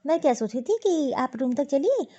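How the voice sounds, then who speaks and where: A woman's voice: high voice, big pitch swings, fairly quick, warm tone, muffled recording. A woman voicing a caring eldest daughter-in-law in a cartoon story; she speaks in a practical way and gives instructions.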